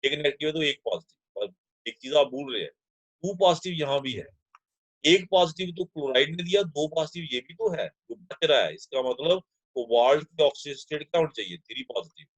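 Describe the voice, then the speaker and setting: Male chemistry teacher, slightly high voice, dry close mic, explains step by step and answers his own questions. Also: lively intonation, fairly quick, dry recording, low-quality recording. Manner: addresses students as children. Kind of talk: classroom lecture mixing Hindi and English.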